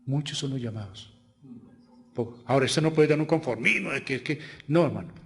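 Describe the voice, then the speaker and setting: A man preaching a sermon as pastor, with a Colombian Spanish accent, asking rhetorical questions and swinging between loud emphatic lines and quiet asides. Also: medium pitch, fairly quick.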